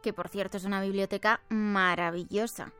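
A woman's voice: medium pitch, fairly even intonation, moderate pace, a bit bright, soft background music. A woman hosting a radio interview, giving brief, encouraging prompts to her guest. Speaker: radio host. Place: radio studio.

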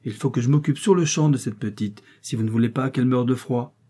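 A man's voice: medium pitch, fast talker, mellow, breathy edge, close to an everyday voice. A man doing a blunt, commonsense father. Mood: brusque. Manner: brusque, firm.

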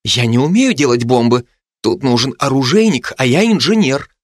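A man's voice: medium pitch, very animated, moderate pace, no room sound, studio quality. A man reading an audiobook, voicing a stubborn young girl engineer who talks boastfully. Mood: flustered.

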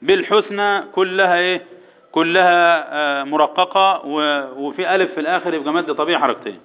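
A man with an Egyptian accent teaching Quran recitation to boys, quizzing them and chanting verses slowly for them to repeat. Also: fairly high pitch, clear, resonant tone, lo-fi sound. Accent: Egyptian Arabic. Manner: drills students with questions, chants verses slowly. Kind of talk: tajweed lesson to boys.

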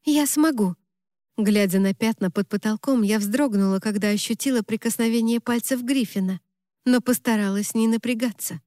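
Woman narrating a novel, higher voice. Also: fairly even intonation, brisk, warm tone, no room sound, clean studio sound. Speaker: audiobook narrator. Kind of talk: first-person novel reading.

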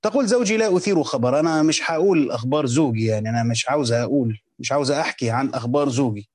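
A man's voice: mid-range voice, rapid-fire, a little mellow, no echo, clean studio sound. A man with an Egyptian accent giving a lesson, reading classical Arabic lines and explaining them in colloquial dialect, repeating phrases as he goes. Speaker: teacher of hadith commentary. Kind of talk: Islamic lesson commentary.

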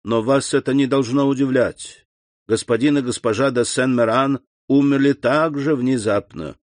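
A man voicing a grave middle-aged doctor who asks low, hushed, measured questions, in an audiobook reading. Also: dry recording, close to an everyday voice.

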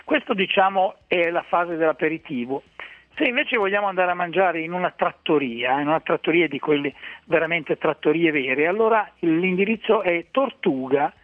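A man's voice: a little high, moderate pace, no room sound. A man, calling in to a radio show and chattily explaining local dishes and restaurants, often restarting his phrases. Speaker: food guest on a radio show. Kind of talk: phone-in radio chat giving restaurant tips. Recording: tinny phone line.

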